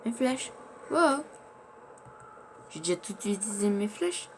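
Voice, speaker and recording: A man's voice: sits high, sing-song, takes it slowly, a bit bright. Chatty male gamer over noisy game sound. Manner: chatty, narrates his own actions, stumbles over words. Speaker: gamer playing in character. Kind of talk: in-character survival gameplay commentary.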